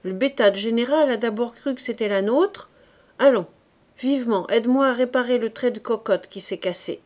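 A woman shouting as a brash canteen woman. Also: a little high, normal speed, close to an everyday voice. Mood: blunt. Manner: shouting, rough familiar tone. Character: brash motherly army canteen woman, blunt and loud.

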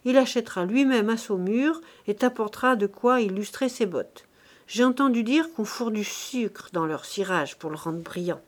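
A woman's voice: a little high, normal speed, natural voice. A woman reading the lines of a stingy old man who gives curt, dismissive orders. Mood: stern. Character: stingy old male miser, curt and commanding.

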